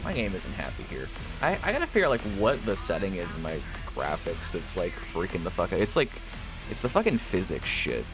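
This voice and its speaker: Lower-voiced man rambling over game music. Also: huge pitch swings, fairly quick. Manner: rambling, swears freely, thinks aloud about builds and settings. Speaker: streamer. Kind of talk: casual gameplay chat. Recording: game music playing under the voice.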